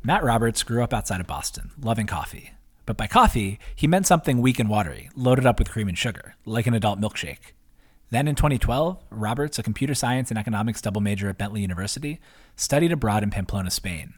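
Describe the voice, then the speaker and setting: A man with a lowish voice reads his own written post aloud, quick-paced and with lively intonation. His reading is upbeat and conversational, sprinkled with casual asides, like a read-aloud essay.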